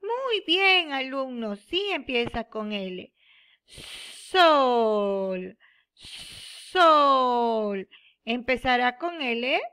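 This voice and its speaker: A woman from Peru teaching young children, slowly repeating each word and giving encouraging praise. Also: high voice, animated, pushed and bright. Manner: slow, drawn-out word repetition with encouraging praise. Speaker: primary school teacher. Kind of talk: recorded remote lesson for young children.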